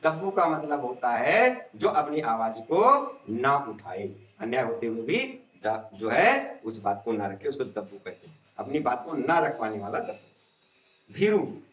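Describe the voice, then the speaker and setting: A man's voice: medium pitch, sing-song, measured pace, a bit bright. A male teacher giving a literature lesson in an online class. He reads a play aloud and explains the meanings of words. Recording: echoey room, dull lo-fi sound.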